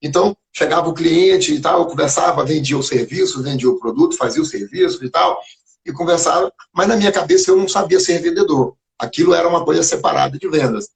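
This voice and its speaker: With a voice a little on the high side and a quick pace, the gravelly mineiro storyteller, a teacher invited onto a live stream, acts out dialogue from his memories in lively anecdotes. The talk is informal live-chat storytelling, recorded via phone or computer on the stream.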